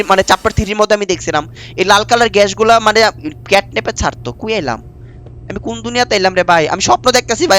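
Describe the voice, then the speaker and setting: A young man with a high-pitched, slightly bright voice provides chatty let's-play commentary as a gameplay streamer. He has a sore throat from a cold, repeats himself, and calls viewers "brother."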